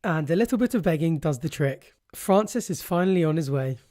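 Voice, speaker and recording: A man's voice: on the high side, expressive, brisk, heavy background noise. A British man giving casual, cheeky and opinionated clip commentary with some swearing. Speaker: commentator presenting clips.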